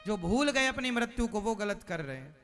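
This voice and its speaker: A male preacher delivers a devotional sermon with a high, ringing voice. He tells a moral parable and keeps turning to the audience with direct questions. Faint violin music plays underneath. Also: big pitch swings, normal speed, a bit bright. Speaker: spiritual preacher. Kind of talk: devotional katha sermon with storytelling.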